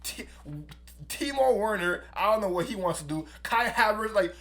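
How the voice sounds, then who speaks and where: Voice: mid-range voice, lively intonation, moderate pace, fairly bright tone. A podcast co-host in a casual sports debate who keeps heckling and interrupting with mocking jabs.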